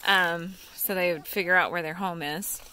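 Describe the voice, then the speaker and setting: A woman's voice: on the low side, steady tone, normal speed, sharp tone. A woman giving casual, easygoing vlog narration outdoors on a farm. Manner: easygoing, with fillers. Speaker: vlogger.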